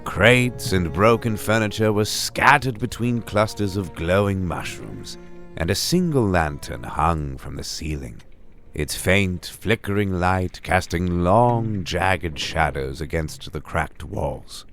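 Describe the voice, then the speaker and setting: Deep, slow-paced male storyteller. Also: expressive, fairly bright tone. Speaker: narrator. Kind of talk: scripted first-person fantasy narration. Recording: narration over background music.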